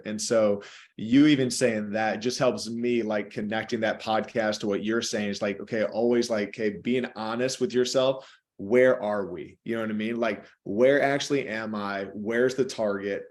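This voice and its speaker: A man on a video call, talking casually with many fillers and restarts. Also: lowish voice. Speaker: call participant.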